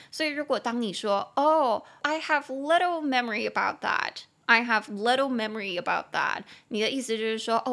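A young woman with a Taiwanese Mandarin accent hosting a podcast English lesson, spelling words out letter by letter and repeating key words slowly with chatty, playful explanations. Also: a little high. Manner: chatty, lively explanations with playful acted examples. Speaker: English teacher and podcast host.

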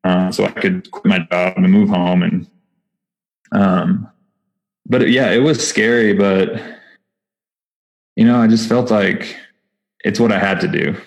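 Low-pitched and creaky, he speaks slowly with a steady tone and long pauses, and the audio is dull. He's a Texas-accented nonprofit founder guesting on a podcast, casual and excited in conversation, with many fillers and restarts.

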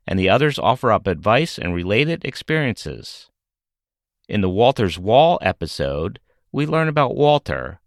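Middle-aged man, podcast host, scripted delivery, expressive intonation, dry close sound. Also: mid-range voice, no room sound.

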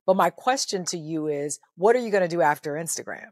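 A middle-aged woman with a deep, bass-heavy voice, a guest telling her story emphatically in an interview. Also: animated, fairly quick, no echo, studio quality. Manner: emphatic, preacher-like delivery with repetition.

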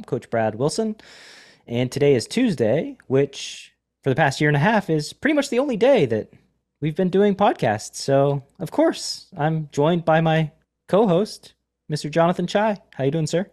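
A man hosting a podcast, giving a booming sing-song welcome with drawn-out words. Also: big pitch swings, darkish tone. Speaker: podcast host, poker coach. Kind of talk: podcast introduction.

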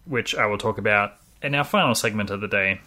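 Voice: mid-range voice, fairly quick, pushed and bright. A podcast host with an Australian accent, chatting casually and playfully with a co-host. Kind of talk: casual co-hosted chat.

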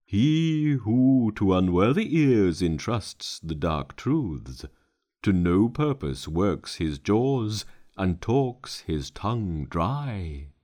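A man voicing an old male patriarch teacher who speaks slowly and solemnly, drawing out each phrase. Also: on the low side, big pitch swings, dark tone, full character voice. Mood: murmuring. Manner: slow, solemn, drawn-out recitation.

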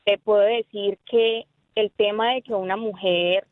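A woman in her thirties from Colombia calling into a radio show, calm and self-assured. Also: mid-range voice, a little slow, dry recording. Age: 30s. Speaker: caller. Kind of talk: phone call-in. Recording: tinny phone line.

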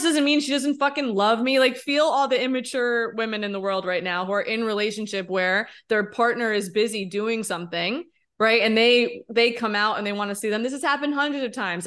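A woman in her thirties co-hosting a podcast, talking in an emphatic, expressive, candid way and often tossing in a rhetorical "right?". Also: medium pitch. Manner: candid, occasionally swearing. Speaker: podcast co-host. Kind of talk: casual podcast conversation.

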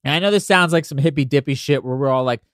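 A man's voice: on the high side, fast, a bit bright, no room sound, studio quality. Nasal, stuffed-up man hosting a casual podcast. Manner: informal, sweary, conversational asides. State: congested from allergies. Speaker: podcast host.

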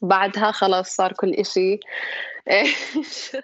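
A young woman with a Levantine Arabic accent casually shares her birth story as a mother being interviewed, slipping English words and phrases into her Arabic. Her voice is medium in pitch and a little slow. The sound is lo-fi, with no room sound.

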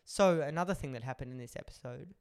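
A woman's voice: a bass voice, fast talker. A woman recapping a reality show in casual chat, acting out the people she quotes. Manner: animated, acts out quotes in put-on voices.

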